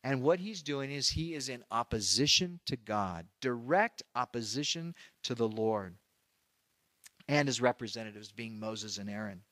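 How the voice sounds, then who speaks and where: Middle-aged guy pastor walking thru a bible chapter, chatty, acts out voices, bright dry sound. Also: medium pitch, moderate pace, no echo. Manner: conversational, animated, acts out quoted voices. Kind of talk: verse-by-verse Bible teaching. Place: church.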